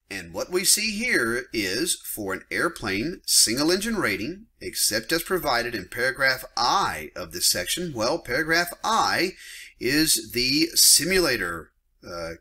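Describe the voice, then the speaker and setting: Middle-aged male instructor, bright forceful voice with a lively pitch, blunt, colloquial, prone to getting fired up. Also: breathy edge. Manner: blunt and emphatic, gets worked up, colloquial asides to viewers. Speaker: flight instructor. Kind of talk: screen-share lesson on aviation regulations.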